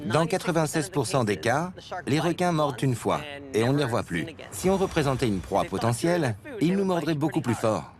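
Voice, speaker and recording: A man's voice: medium pitch, very animated, fairly quick, a crowd in the background. A man explaining as an expert interviewee in a documentary.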